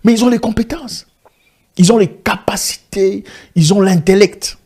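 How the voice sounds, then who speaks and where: His voice sits high, with a darkish, slightly rough tone, and he speaks a little slowly. The man, an online video commentator whose first language is an African language rather than French, gives a passionate monologue to camera, asking rhetorical questions and restarting often.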